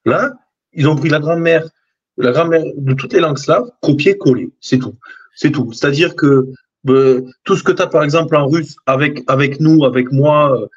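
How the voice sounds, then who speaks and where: A man's voice: a little high, moderate pace, breathy edge. A man speaking as a guest over a video call, his voice dull and lo-fi. He talks in a hesitant way, full of fillers and restarts. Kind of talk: casual chat.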